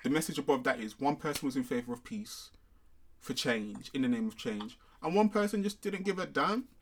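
A man's voice: mid-range voice, expressive, brisk, slight background noise. A young man with a London roadman accent and street slang, making points emphatically in casual discussion and often checking he's understood. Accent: London, multicultural urban slang (roadman). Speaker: discussion panellist.

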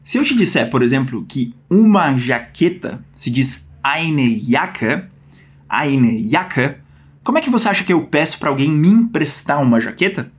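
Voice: medium pitch, big pitch swings, unhurried. A language teacher with a Brazilian accent runs a casual lesson and keeps cracking jokes in easygoing slang. The voice sits in a middle register and swings up and down with lots of animation. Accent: Brazilian Portuguese. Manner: playful, jokey, slang-filled. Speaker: German teacher.

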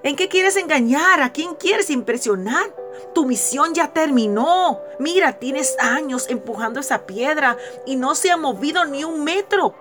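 A woman's voice: sits high, voice pushed up. Woman doing a sly wheedling devil. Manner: coaxing, needling questions. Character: sly tempting male devil, whispering doubts.

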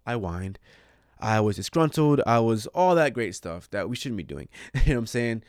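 A man hosts a casual faith podcast, telling stories with energy and often stumbling over repeated words. His voice sits in the middle range and comes across smooth and crisp. The recording is dry and close, with no room sound. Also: mid-range voice, moderate pace, no echo. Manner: animated storytelling with frequent repeated words and laughs. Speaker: podcast host.

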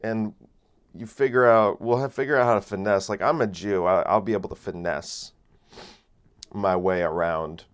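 Speaking at normal speed in a lowish, steady, clean voice, a man in his late twenties hosts a casual solo podcast full of rambling, fillers and restarts. It's recorded on a microphone, with a phone camera and a separate microphone.

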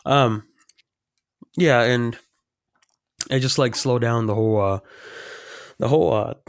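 A man's voice: medium pitch, takes it slowly, no echo, studio quality. A young man with a cold and a congested voice hosts a casual podcast, laid-back and joking, with lots of fillers. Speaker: podcast host. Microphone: remote home recording.

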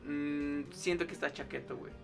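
A man's voice: a little high, steady tone, moderate pace, vocal fry, over loud music. A young man with a Mexican accent chatting casually, blunt and slangy, repeating his point. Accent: Mexican Spanish. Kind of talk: casual chat.

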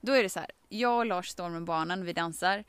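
A woman casually telling a story outdoors by a lake, animated, often acting out quotes and laughing. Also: lowish voice, clean tone, no echo. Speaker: vlogger.

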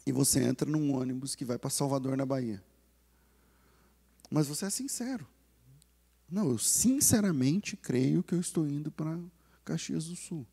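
A man with a Brazilian Portuguese accent preaching a sermon as pastor, animated and acting out the inner voices of lost people. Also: medium pitch, creaky, slightly rough, big-room sound.

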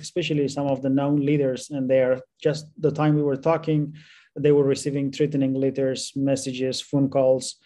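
Mellow-voiced man. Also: mid-range voice. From Afghanistan. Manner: steady, slightly halting second-language English. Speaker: guest, church network leader. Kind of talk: interview answers.

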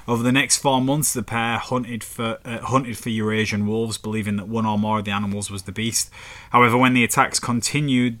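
A man with a northern English accent and a pushed, bright, mid-range voice chats casually while reading history facts aloud. He rambles and swears as he goes.

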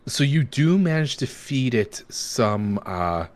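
Male game master, unhurried and conversational, mid-range voice. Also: medium pitch, sing-song. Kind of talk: casual tabletop game narration.

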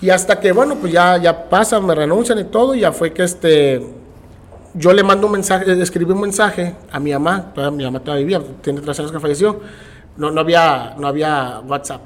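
A man's voice: on the high side, fairly quick. A man with a Mexican Spanish accent, a podcast guest telling stories casually and acting out the voices of people he talks about. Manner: animated, acts out the voices of people in his stories. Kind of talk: casual storytelling interview.

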